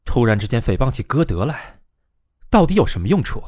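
A man's voice: mid-range voice, sing-song, fairly quick, darkish tone, no room sound, studio quality. A man reading the lines of a brooding, restless young college student in a storybook reading, speaking in an agitated, questioning way. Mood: indignant.

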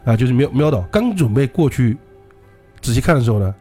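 A man's voice: mid-range voice, very animated, fast talker, mellow, faint music behind. A man co-hosting a podcast, retelling listener horror stories in a chatty, loose way and laughing often. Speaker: podcast co-host.

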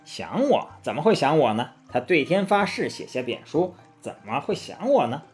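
A man's voice: on the high side, sing-song, fairly quick, soft background music. Sun Wukong, a man doing a haughty monkey king. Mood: doubting. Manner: haughty, commanding. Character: proud, mocking male monkey king.

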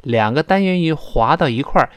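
A man teaching English pronunciation, explaining sounds step by step to listeners and drawing out example words slowly. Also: fairly high pitch, lively intonation, dry recording.

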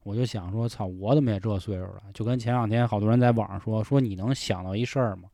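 A man's voice: on the low side, fast talker, mellow, dry recording, clean studio sound. A man hosting a casual podcast chat, frank and reflective, often swearing. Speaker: podcast host.

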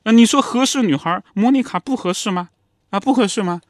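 A man voicing an anxious aristocratic mother who nags her grown son to marry fast. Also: sits high, dry recording, clean studio sound, voice pushed up, close to an everyday voice. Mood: pleading. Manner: nagging, insistent.

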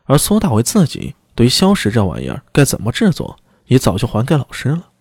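A man reading a serialized historical novel aloud in a steady storytelling manner. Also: mid-range voice, brisk, husky, dry recording, studio quality. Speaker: narrator.

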